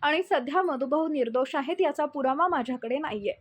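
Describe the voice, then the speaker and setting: Protective, indignant young wife standing up for an old man, read by a high-voiced woman. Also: brisk, close to an everyday voice.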